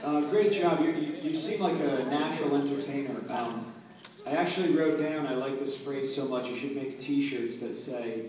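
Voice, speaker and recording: Man, competition judge, halting feedback, distant, long hall reverb, crowd around. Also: medium pitch, darkish tone. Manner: hesitant, halting praise. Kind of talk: casual feedback. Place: large hall with audience. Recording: echoey hall from far off, crowd.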